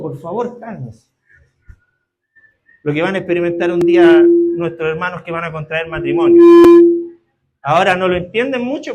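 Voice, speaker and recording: Man, preacher, sermon, high voice, asks the congregation for agreement. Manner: keeps asking the congregation for agreement.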